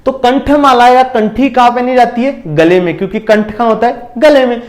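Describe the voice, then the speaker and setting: Brief: high-pitched male tutor, exam-prep lecture, keeps asking and answering his own questions. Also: moderate pace. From India. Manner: repeats questions and answers them himself, keeps asking if it is clear. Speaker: teacher.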